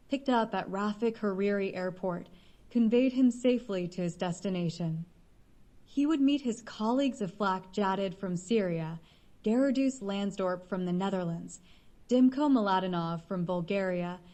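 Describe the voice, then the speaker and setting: A woman narrating a science-fiction audiobook in a steady, measured reading. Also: medium pitch.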